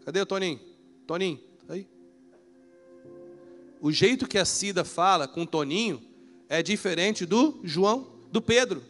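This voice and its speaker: A man preaching a sermon as pastor in a church, animated and acting out dialogues. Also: high-pitched, moderate pace, long pauses. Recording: echoey church hall with faint music.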